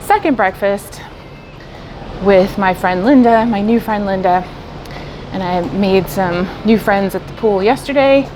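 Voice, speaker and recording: A woman's voice: mid-range voice, a little slow, over music, low-quality recording. A woman giving a casual, chatty walking tour as a vlogger, rambling informally as if to a friend. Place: walking around an open cruise ship deck.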